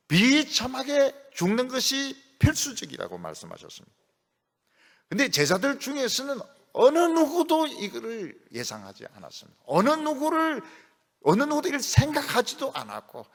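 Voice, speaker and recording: A man preaching a sermon in a church sanctuary, his slightly high, gravelly voice swinging widely in pitch as he builds to forceful, shouted lines. A long reverb from the hall trails behind his words. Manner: animated preaching, rising to shouts when voicing Jesus's rebuke. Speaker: pastor.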